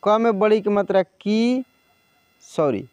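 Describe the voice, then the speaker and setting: Man, high voice, very slow deliberate word-by-word reading lesson, dry close sound. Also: animated, darkish tone, clean tone, no echo. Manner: reads each word twice, drawn out slowly, then explains in quick chatty asides. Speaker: Hindi teacher.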